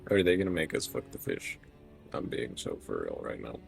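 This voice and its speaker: A man's voice: very deep voice, very animated, moderate pace, gravelly, soft background music. A man doing casual livestream commentary on a game, talking in a wry, joking way. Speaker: game streamer.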